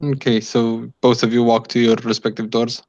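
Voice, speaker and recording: A man improvising narration as game master of a tabletop game, haltingly, searching for words. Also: mid-range voice, level tone, darkish tone. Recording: echoey room, dull lo-fi sound.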